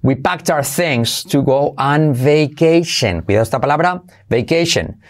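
A man teaching English pronunciation. He explains quickly, then repeats the example phrases slowly and carefully. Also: fairly high pitch, expressive. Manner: switches between quick explanation and drawn-out demonstration. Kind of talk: pronunciation lesson.

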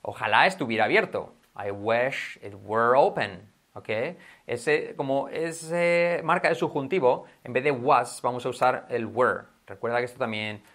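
Lively man teaching English in Spanish. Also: medium pitch, moderate pace. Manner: animated, switches between Spanish and English, drills sounds. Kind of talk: bilingual language lesson.

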